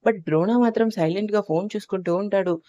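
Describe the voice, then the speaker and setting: A woman narrating a family audio story in a calm, steady manner. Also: mid-range voice, fast talker, dry recording, highs cut off.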